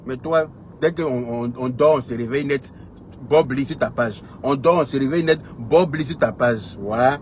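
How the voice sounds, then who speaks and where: A man's voice: mid-range voice, moderate pace, a little mellow, slight background noise. A man with an Ivorian French accent, delivering a heated, scolding monologue full of repetition and rhetorical questions. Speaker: social media commentator. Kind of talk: heated direct-address rant.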